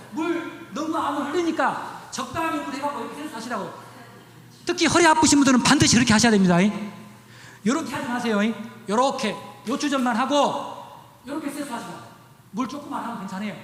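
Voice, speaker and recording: High-voiced pastor in an echoey hall. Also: male voice, expressive, fast, a bit bright. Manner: chatty, demonstrative, repeats short commands. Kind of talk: church health talk with slides. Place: church hall.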